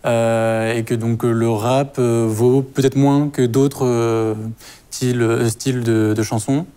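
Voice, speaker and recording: A man's voice: mid-range voice, level tone, slow, mellow, clear, resonant tone. A man in his twenties from France, a communication student, speaking carefully and hesitantly in a group discussion. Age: 20s.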